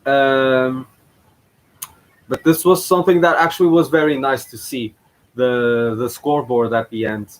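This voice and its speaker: On his own channel, a man gives casual reaction commentary on a past contest, hesitating and leaning on fillers and restarts. His voice is medium-pitched and steady in tone, delivered at a measured pace, over poor audio.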